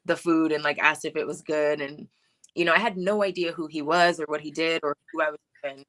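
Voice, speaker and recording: A young filmmaker and actress from Hawaii reflects on her story over a video call, casually peppering her speech with "like" and "you know" in an interview setting. Her voice sits low and steady, fairly bright, and moves a little fast.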